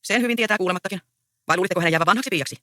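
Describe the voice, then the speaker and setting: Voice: mid-range voice, pushed and bright, no room sound, clean studio sound, lightly acted. A reader voicing Mikko, a sly taunting peasant man. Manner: mocking, taunting.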